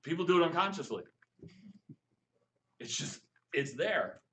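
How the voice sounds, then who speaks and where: A man coaching a live audience on texting for network marketing, lively and jokey, firing questions at the room. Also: on the high side, unhurried, low-quality recording. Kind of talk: live stream training talk to an audience.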